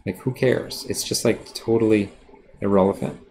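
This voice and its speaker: Gravelly low-voiced man teaching drawing. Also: steady tone, normal speed, a little mellow, slight background noise. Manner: casual, blunt, rambling with many fillers; self-aware about sounding defensive. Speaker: art teacher. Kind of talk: live-streamed drawing demonstration. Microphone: streaming setup while drawing.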